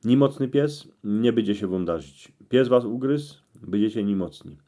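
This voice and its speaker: A man with a Cieszyn Silesian accent reading out interpretations in dialect, in terse phrases with pauses. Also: on the low side, dark tone. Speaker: presenter explaining dream meanings.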